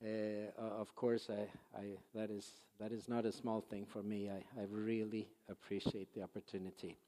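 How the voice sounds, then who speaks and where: A man in his sixties from Sweden with a Swedish accent, speaking as a guest missionary at church in a halting, earnest way full of fillers and restarts. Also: on the low side, level tone, mellow. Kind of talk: church talk. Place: church sanctuary. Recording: long reverb of a large hall.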